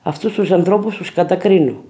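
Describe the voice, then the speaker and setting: A man's voice: high voice, mellow. A man, a parent, giving a bitter, accusing documentary testimony. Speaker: interviewee, parent.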